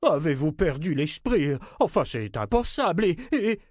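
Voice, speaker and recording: A man's voice: medium pitch, animated, slow pace, darkish tone, no room sound, studio quality, voice pushed up. A man voicing a timid, pot-bellied chancellor who speaks hesitantly in a raised, flustered voice.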